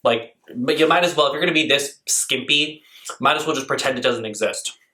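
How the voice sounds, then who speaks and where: A man's voice: mid-range voice, brisk, bright, forceful tone. A man giving casual reaction commentary on a clip, blunt and sarcastic, mocking what he hears. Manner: talks with his mouth full.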